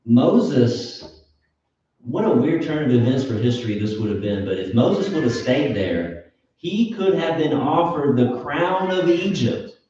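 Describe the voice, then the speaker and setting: Earnest preacher in an echoey church. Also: male voice, mid-range voice, lively intonation, a little slow, dark tone. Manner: earnest, emphatic, asks the listeners questions. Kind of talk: sermon. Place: church auditorium. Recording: echoey hall, distant mic, dull.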